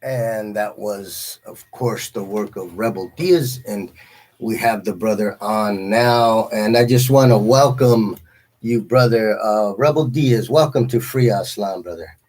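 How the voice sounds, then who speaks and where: A man's voice: on the low side, measured pace, a little mellow. A man hosting a casual interview show in a laid-back way, often calling people "brother". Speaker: host.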